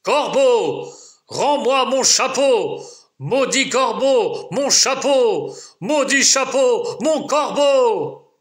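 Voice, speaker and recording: A man's voice: fairly high pitch, expressive, takes it slowly, bright, forceful tone, heavily acted. A man voicing a big, vengeful male woodcutter in a children's tale, swearing oaths and growling threats. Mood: raging.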